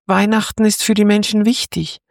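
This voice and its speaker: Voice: medium pitch, flat delivery, moderate pace, gravelly, dry recording, clean studio sound, voice pushed up, lightly acted. Narrator voicing a wise little fox. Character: wise little male fox, a bit mocking. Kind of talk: storybook reading.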